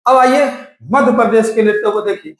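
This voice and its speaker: High-voiced man drilling exam mnemonics. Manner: repetitive drilling of lists, slow emphatic recaps. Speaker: exam coaching teacher. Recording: echoey room.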